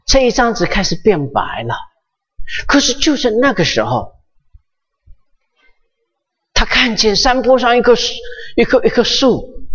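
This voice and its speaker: A preacher in a large church hall retells a scripture story with a lively, rising and falling voice and sudden hushed drops. The recording is dull and lo-fi, with a long reverb trailing each phrase. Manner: animated, pitch swinging high and low, drops to near-whisper for emphasis. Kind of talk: sermon storytelling.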